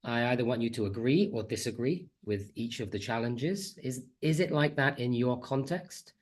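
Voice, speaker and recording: Speaking at a moderate pace in a mid-range voice, this teacher trainer has a slight cold as he delivers an online conference talk through a video call on his computer mic. His manner is warm, talkative and self-deprecating.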